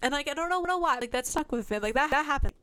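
A woman's voice: sits high, lively intonation, fast talker, pushed and bright, a little hiss or hum. A young woman hosting a podcast, telling her own work stories in a casual, chatty monologue full of fillers and little laughs. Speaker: podcast host.

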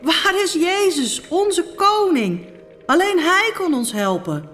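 A woman voicing a desperate crowd crying out, in a high, pleading wail. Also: big pitch swings, takes it slowly, a bit bright, soft background music, heavily acted.

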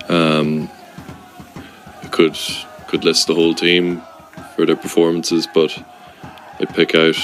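A man with a very deep, very flat voice and a west of Ireland accent. He gives a football supporter's informal match review, hesitating and pausing as he goes. Faint music plays underneath. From Sligo, west of Ireland. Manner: hesitant, pausing often mid-thought.

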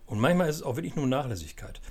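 Man, calm coaching talk, explanatory, tag questions. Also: medium pitch, rapid-fire, slightly rough. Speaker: coach giving advice. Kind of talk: casual advice chat.

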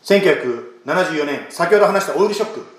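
A man, a pastor, giving an emphatic, animated sermon and leading a prayer. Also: a little high, a little fast. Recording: echoey room.

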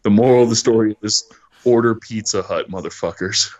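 A man's voice: fairly low pitch, fairly quick, darkish tone. A man hosting a podcast, telling a story in casual chat, swearing often and laughing as he goes. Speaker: podcast host. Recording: dull lo-fi recording.

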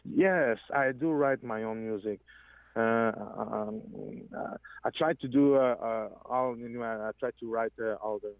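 A guest singer, a man whose first language is French, is interviewed over the telephone, so his line sounds tinny. His mid-range voice moves at a measured pace with no echo. He hesitates, searches for English words, and restarts often.

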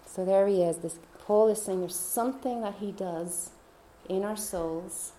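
A woman telling a personal faith story in a chatty way, laughing often and dropping into soft whispers. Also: medium pitch, a little slow, reverberant, slight background noise. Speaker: speaker.

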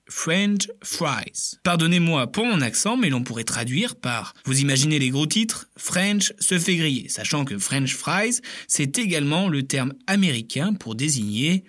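A man's voice: fairly high pitch, fairly bright tone. A man giving scripted comedic narration in a playful, mock-serious way, full of self-mocking asides.

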